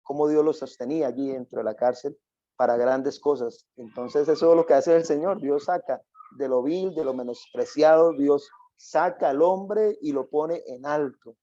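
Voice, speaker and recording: Mellow-voiced co-host, grateful and reflective. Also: male voice, on the high side, normal speed, dry recording. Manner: grateful, reflective, repeats himself. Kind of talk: closing comments on a talk show. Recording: dull, lo-fi, dry sound.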